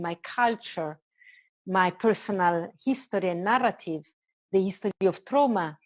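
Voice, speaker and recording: A woman's voice: medium pitch, rough recording. A woman with an Italian accent shares spiritual teaching in a conversation. Her voice sits in a middle register. She is earnest and expansive, building each idea phrase by phrase. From Italy. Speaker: spiritual teacher being interviewed.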